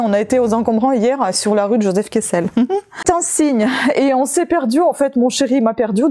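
A woman vlogger chatting casually as she shows and names the books she found, talking slowly with many fillers and pauses. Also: mid-range voice, warm tone. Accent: French-speaking with a non-native accent. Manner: slow, hesitant listing with many fillers. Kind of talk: casual haul video chat.

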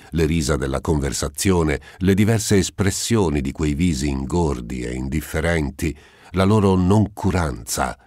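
A man narrating a classic novel as an audiobook, in a measured, solemn way. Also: very deep voice, darkish tone, dry recording, studio quality. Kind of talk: scripted literary narration.

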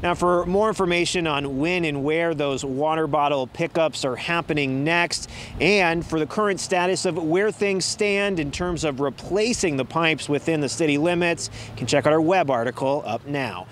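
A young male field reporter narrates a news package in a measured, formal way. His voice sits a little high for a man. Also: fairly bright tone, slight background noise.

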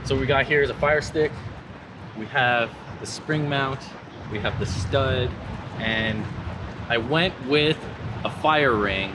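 A Canadian man with a medium-pitched voice gives a laid-back, casual tutorial to camera as a vlogger presenting a vehicle install. He's filmed inside a vehicle and outdoors under an overpass, with a noisy background.

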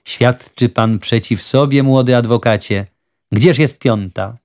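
A man's voice: medium pitch, measured pace, a little mellow, natural voice. A man voicing a genial, talkative wealthy judge who persuades with fussy good humor. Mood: amused.

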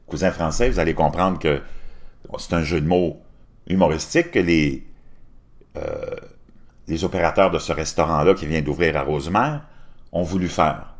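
Speaking at a normal speed with long pauses, this man has an extremely low voice. In his fifties and from Quebec, with a Québécois French accent, he hosts a commentary channel and mocks a news article with scorn, laughing at his own jokes as he rants.

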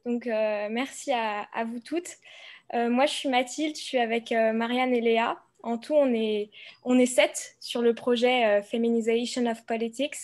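A woman's voice: fairly high pitch, fairly even intonation, moderate pace, darkish tone. A young adult woman, a master's student, presenting her group's project in a friendly, informal way with frequent fillers.

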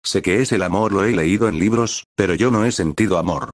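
A man's voice: low voice, brisk, dry recording, clean studio sound. A man voicing a blunt teenage boy ninja who is confused by feelings, in a read-aloud fan story. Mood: puzzled.

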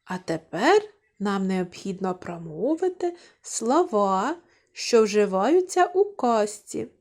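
Woman kindergarten teacher, slow and lively sing-song, mellow voice, drawn-out words. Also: mid-range voice. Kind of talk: slow, clearly enunciated lesson for young children.

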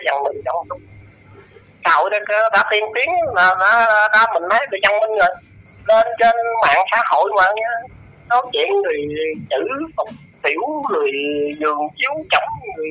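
A man in his eighties with a Southern Vietnamese accent, talking as an interview guest and lecturing in a scolding, preachy way, his pitch leaping up and down. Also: bright, forceful tone, no room sound, rough recording. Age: 80s. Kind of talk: casual lecturing chat.

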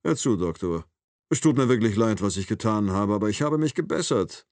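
A man's voice: on the low side, animated, fairly quick, darkish tone, no echo, studio quality. A man reading an audiobook, voicing a cold, mocking male killer who taunts his captive with sarcasm.

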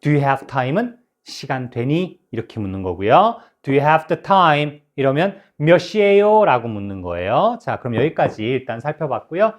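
Lively male English teacher. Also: medium pitch. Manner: lively, says English examples slowly and carefully; stumbles and restarts now and then. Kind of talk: spoken English lesson.

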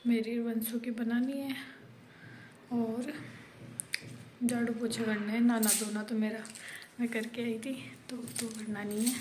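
A woman narrating a casual home vlog to camera, talking softly about her day. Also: a little high, little pitch movement, a little slow, long pauses, a little hiss or hum. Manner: soft murmured narration to camera. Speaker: vlogger.

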